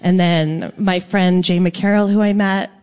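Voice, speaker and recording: A woman's voice: fairly low pitch, fairly even intonation, unhurried, darkish tone, smooth. A playful, jokey woman, chatting and laughing as a musician guest on a live stage. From Toronto, Canada. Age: 50s. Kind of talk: live stage interview chat. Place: theater stage before an audience.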